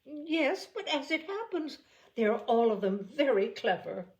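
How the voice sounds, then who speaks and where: Woman putting on an excitable fussy mother, swooping high. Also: measured pace, exaggerated voice, low-quality recording. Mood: indignant, fond. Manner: indignant, exclamatory, fussy. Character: excitable, gushing middle-aged mother in a period novel.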